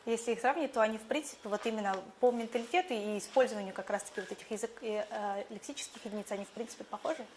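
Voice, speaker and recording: A young woman whose first language is Buryat competes in a teacher contest, thoughtfully answering the jury's questions with fillers and restarts. Her voice is a little high and rapid-fire with few pauses, and there's a slight hiss or hum.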